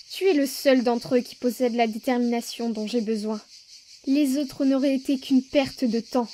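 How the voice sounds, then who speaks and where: A woman's voice: sits high, dark tone, slight background noise, natural voice. A woman voicing a determined human child in a fan dub of a game. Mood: cool, challenging. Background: music.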